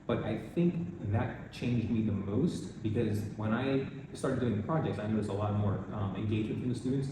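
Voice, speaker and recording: A man from the United States, an older math teacher, answering interview questions in a relaxed, rambling way with many restarts. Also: on the low side, normal speed, hardly any pauses, noisy background. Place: school in Vietnam. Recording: echoey room, distant mic, music behind.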